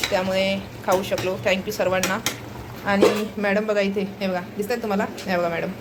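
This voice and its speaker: A woman's voice: mid-range voice, noisy background. A woman chatting through a casual home cooking vlog, recorded on a handheld phone in her kitchen and often urging viewers to look. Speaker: vlogger.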